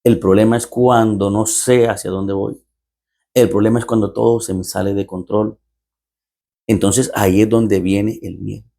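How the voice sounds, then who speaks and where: A man's voice: on the low side, fairly even intonation, normal speed, gravelly, warm tone. A man preaching as a pastor, telling a story with repeated rhetorical lines and acting out the dialogue. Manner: repetitive rhetorical phrasing, acts out dialogue. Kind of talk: storytelling sermon.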